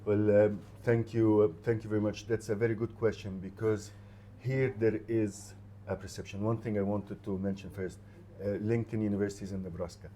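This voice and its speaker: In an interview with students, a university representative whose first language is Arabic dispenses conversational advice, speaking hesitantly and repeating short phrases to underline them. His low voice has a level, dark tone, accompanied by slight hiss or hum.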